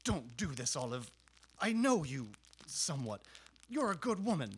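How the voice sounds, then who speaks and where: Woman as a husky male Santa, pleading, sappy lover, animated pitch, radio melodrama. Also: moderate pace, heavily acted. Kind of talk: student radio comedy melodrama.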